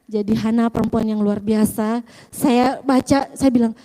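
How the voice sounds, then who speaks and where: A woman giving a halting, earnest faith testimony, often quoting her own prayers. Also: on the high side, steady tone, mellow, in a large hall.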